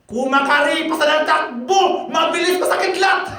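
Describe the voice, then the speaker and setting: High-voiced preacher shouting in echoey hall. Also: male voice, normal speed, recorded from a distance, crowd noise. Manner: shouting, rousing, joking with congregation. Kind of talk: sermon.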